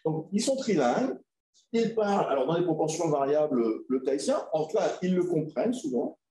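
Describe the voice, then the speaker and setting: A man's voice: fairly high pitch, expressive, fairly quick, dark tone. Man lecturing in an echoey room. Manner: explanatory, with frequent "hein" and "voilà" fillers. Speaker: researcher giving a conference talk. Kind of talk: academic presentation.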